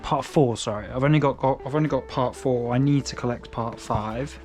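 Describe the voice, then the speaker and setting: A young English man chatting casually at home as he organises his manga shelves, relaxed and rambling with frequent restarts. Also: mid-range voice, fairly quick, over music. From England. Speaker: manga collector vlogger. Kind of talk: casual chat.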